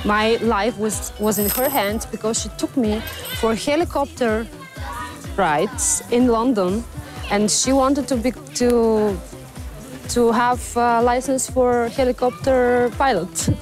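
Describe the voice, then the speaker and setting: Interviewee, woman, bright higher voice, animated storyteller, music bed clear. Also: unhurried. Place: outdoor garden. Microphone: lapel. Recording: music underneath.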